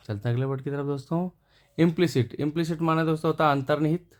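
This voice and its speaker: A man teaching English vocabulary, repeating each word before giving its meaning and synonyms. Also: fairly high pitch. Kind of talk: explaining words and synonyms to viewers.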